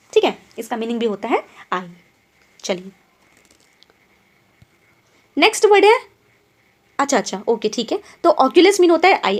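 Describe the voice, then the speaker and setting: In an online vocabulary class, an English exam teacher, a lively woman with a high voice, explains words in Hindi sprinkled with English. She repeatedly poses quiz questions and tag checks such as "ठीक है?"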